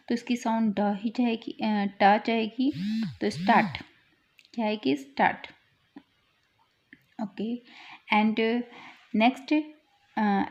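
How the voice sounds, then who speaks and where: A woman teaching German pronunciation, slowly repeating each example word several times. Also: on the high side, a little mellow. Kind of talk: slow online language lesson. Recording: dull lo-fi recording.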